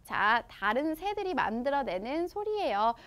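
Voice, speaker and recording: A woman with a Korean accent teaching children English through a picture book, reading the English slowly and explaining each part in her own language. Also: sits high, very animated, fairly bright tone. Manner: slow, exaggerated English read-aloud with quick explanations in her own language. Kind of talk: bilingual storybook lesson for children.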